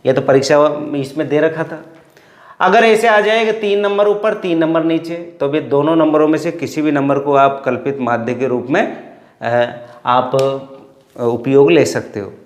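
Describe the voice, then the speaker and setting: A man's voice: a little high, moderate pace, echoey room. A man with a Rajasthani Hindi accent teaching a maths lesson, patiently explaining each step and repeating sums aloud. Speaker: math teacher. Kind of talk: classroom math lesson.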